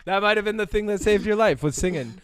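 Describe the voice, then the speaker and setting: A man's voice: high-pitched, quick pace, clear, resonant tone. A young man hosting a podcast in casual chat, telling stories with frequent laughs and restarts. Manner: animated storyteller, laughs often, restarts. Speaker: podcast host.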